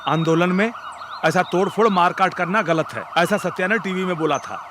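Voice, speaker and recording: An actor plays a nervous male underling who explains himself defensively. His voice is high for a man, and sirens sound clearly in the background. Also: moderate pace, noisy background, lightly acted.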